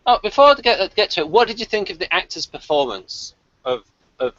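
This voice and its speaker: A British podcast co-host talks through a casual review chat in a hesitant, rambling, dryly wry way, partly reading from notes. His voice is high and a bit bright, with big pitch swings and a brisk pace. The recording is dry yet slightly dull and lo-fi.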